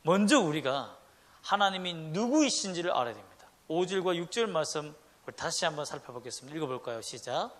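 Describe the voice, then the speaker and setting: Animated high-voiced preacher man. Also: a little fast. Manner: animated preaching with sudden loud and soft swings, acting out quoted voices. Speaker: pastor. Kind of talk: Sunday sermon.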